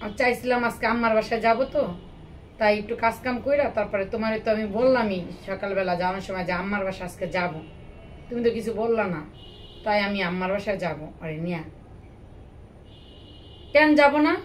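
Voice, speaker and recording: A woman's voice: mid-range voice, quick pace, a little hiss or hum. A woman acting as a wife in a family skit, with an exasperated, scolding way of talking.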